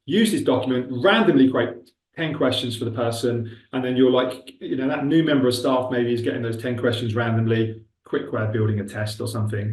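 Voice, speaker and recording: Speaking with a Milton Keynes accent, a male recruitment trainer thinks aloud and chats as he clicks through a demo in a relaxed screen-share tutorial. His voice is medium-pitched and a little mellow. It's recorded from a distance, leaving a roomy echo.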